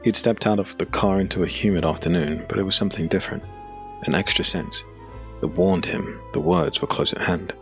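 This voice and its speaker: With a gravelly, deep, low voice, a man narrates a dark fantasy audio drama from a script, fairly quickly and with lively intonation. Music plays faintly beneath his reading.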